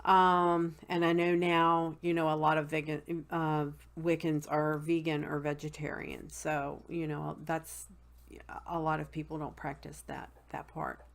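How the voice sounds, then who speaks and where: A woman with a Southern drawl talks slowly and unhurriedly. She fills her pauses with ums and spells tricky words out letter by letter. Her voice sits a bit low. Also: little pitch movement, vocal fry. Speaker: host. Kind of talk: casual teaching talk.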